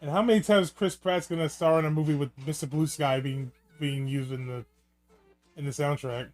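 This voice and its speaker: Male film commentator: fairly high voice, casual, rambling, joking, music underneath. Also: steady tone, normal speed, a little mellow. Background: film soundtrack music.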